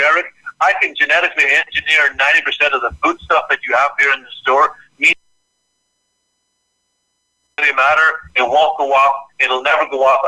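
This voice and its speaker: Man from Ireland, expert guest, very bright and forceful voice, quick emphatic delivery. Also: medium pitch, rough recording. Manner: fast and emphatic, storytelling. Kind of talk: casual interview talk.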